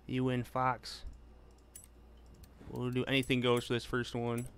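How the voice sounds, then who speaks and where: A man's voice: mid-range voice, completely flat delivery, measured pace. A man streaming a racing game live, chatting casually and answering viewers as he drives. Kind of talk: casual live gameplay commentary. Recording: loud car game sounds over voice. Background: racing game engine noise.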